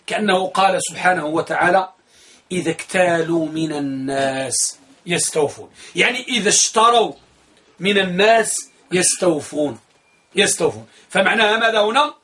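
Male grammar teacher, high-pitched, drills key phrases through repetition. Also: sharp tone. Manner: asks his class questions, then answers them himself; repeats key phrases for emphasis. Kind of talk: classroom grammar lesson.

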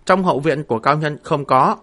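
A man voicing a calm, sly old dragon elder who speaks in a dry, offhand way. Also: a little high, a little fast.

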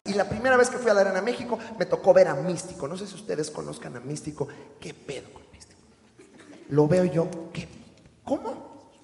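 A stand-up comedian, animated and shouting during his bits. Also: high-pitched, brisk, gravelly, pauses often, slight background noise. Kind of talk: stand-up set. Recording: echoey theater with loud crowd.

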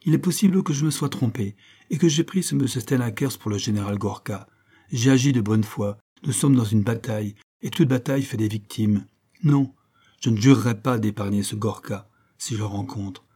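A man's voice: lowish voice, moderate pace, dark tone, slightly rough. A man voicing a proud, defiant young woman revolutionary who speaks with bitter contempt in an audiobook reading. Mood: scornful.

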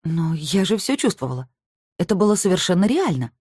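A rattled young woman, voiced by an audiobook reader, asks anxious question after question. Her voice sits higher than the reader's own and sounds husky. The recording is dry and close. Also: animated, normal speed, mellow, no echo. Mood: disbelieving. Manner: urgent, pleading questions. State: shivering, headache. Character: young woman, shaken, confused and defensive.

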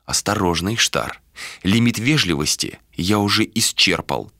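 A man playing a proud, hot-tempered lord in an audiobook, barking in a raised, strained voice. The tone comes out bright and sharp, with wide swings in pitch. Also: lively intonation, a little slow, creaky, dry recording, clean studio sound, exaggerated voice. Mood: angry.

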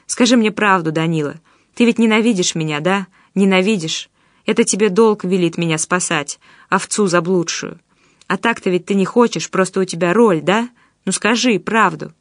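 A woman's voice: medium pitch, moderate pace, no room sound, studio quality, natural voice. A woman voicing desperate, volatile Pavel. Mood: pleading. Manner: volatile, shouting and pleading in turns. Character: bitter desperate young man, Pavel. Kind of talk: audiobook character voice.

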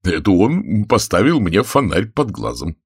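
A man's voice: low-pitched, huge pitch swings, a little slow, vocal fry, breathy edge, no echo, studio quality, exaggerated voice. A man voicing a bruised, grumbling policeman who gives in meekly. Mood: sulky.

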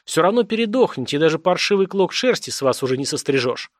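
A man's voice: a little high, sing-song, quick pace, no room sound, clean studio sound. A man doing a sneering guard chief. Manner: sneering, bullying, coarse. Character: phlegmatic, contemptuous male chief of guards.

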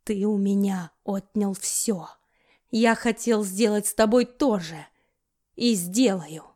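A woman's voice: mid-range voice, slow pace, a little mellow. A woman voicing a hysterical vengeful villain brother. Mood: furious. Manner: hysterical, spiteful.

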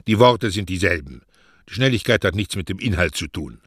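A man playing a blunt, impatient older widow in an audiobook reading, speaking gruff and sarcastic. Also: deep voice, expressive, a little fast, no echo, studio quality. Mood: matter-of-fact.

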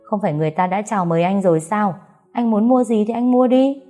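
A woman's voice: mid-range voice, steady tone, quick pace, mellow, soft background music, close to an everyday voice. A woman voicing a young woman in an audiobook who scolds sharply and then pleads in panic. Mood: dismissive. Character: frightened, sulky young woman.

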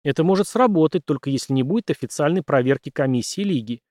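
A man voicing a weary, cautious older general who speaks quietly and ruefully. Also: fairly high pitch, lively intonation, quick pace, no room sound, studio quality, close to an everyday voice. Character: weary old male general, loyal but cautious.

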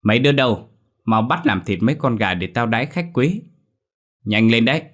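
A man's voice: fairly low pitch, expressive, normal speed. A man voicing a talkative, teasing village man in his thirties in a storybook reading.

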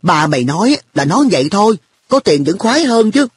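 A man's voice: high-pitched, very animated, fairly quick, slightly rough, voice pushed up, heavily acted. A man voicing a carefree, teasing schoolboy in a storybook reading, with an offhand, blunt way of talking. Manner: offhand, blunt boyish talk. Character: boy An, carefree, teasing, money-minded.

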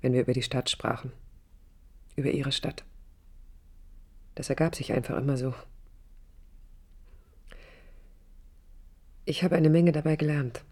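In a 1980s East German radio drama, the lead actress gives a first-person introspective monologue as an idealistic young architect, reflective yet stubborn and defiant. She uses a very deep, darkish, breathy full character voice at normal speed. The mood is wistful, the manner intimate, thoughtful and earnest, occasionally almost whispered.

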